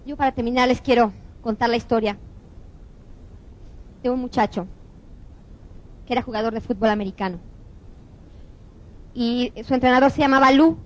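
An earnest woman gives a motivational talk to a live audience. Her voice sits a little high for a woman. She tells her stories with feeling. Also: moderate pace, long pauses, lo-fi sound, slight background noise. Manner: earnest, tells stories acting out the people in them. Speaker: motivational speaker.

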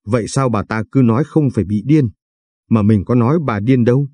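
A man's voice: mid-range voice, fairly quick, mellow, no room sound, natural voice. A man reading the lines of a curious young female nurse who keeps asking questions.

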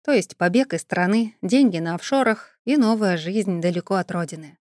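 A woman narrating an audiobook in an even, first-person storytelling manner. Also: on the low side, moderate pace, dry recording, studio quality.

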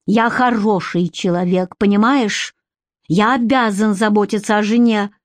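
A woman's voice: medium pitch, fairly even intonation, measured pace, no echo, clean studio sound, close to an everyday voice. A woman reading an irritable stubborn man. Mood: defensive. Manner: curt, exasperated, lecturing. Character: irritable stubborn middle-aged man, harried husband. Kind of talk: audiobook reading.

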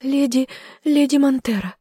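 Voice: high-pitched, a little slow, mellow, no room sound, clean studio sound, pitched above the performer's own voice. A reader voicing a frightened young female servant who stammers and pleads, in an audiobook. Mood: panicked. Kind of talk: audiobook character voice.

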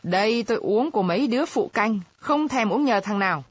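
Woman doing a drunk old village chief, belligerent, husky, dry sound. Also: medium pitch, expressive, moderate pace, dry recording. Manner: belligerent, shouting.

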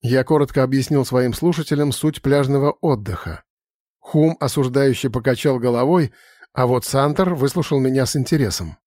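A man's voice: mid-range voice, moderate pace, dry recording, studio quality. Man narrating a fantasy audiobook. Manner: steady, conversational storytelling.

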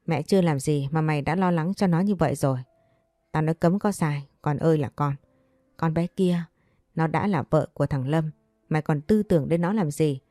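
Woman reader doing a pushy, scolding storybook mother; low, dark, dry, faint music. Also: moderate pace, no echo, lightly acted. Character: stern scheming middle-aged mother scolding her son.

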